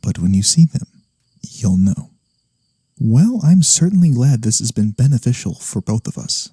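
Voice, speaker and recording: In a soft-spoken ASMR fantasy roleplay, a man plays a gentle, courteous incubus demon, polite and slightly hesitant, his breathy voice sometimes sinking to a whisper. His voice is medium-pitched and sing-song at a moderate pace, softly instructive, with no room sound.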